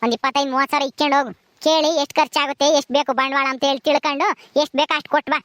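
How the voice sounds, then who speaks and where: A woman's voice: high voice, little pitch movement, racing, no echo. A woman playing a bitter, bossy village mother-in-law. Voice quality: sharp, scolding, bossy. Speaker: village drama actress. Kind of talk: village family drama acting.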